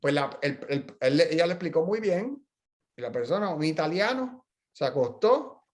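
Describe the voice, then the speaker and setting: A middle-aged man with a somewhat high-pitched voice speaks as a physical therapist in a casual journal club chat. He tells stories and explains clinical points, often backing up and restarting his sentences. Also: very animated, moderate pace. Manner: chatty storyteller, explains with frequent restarts.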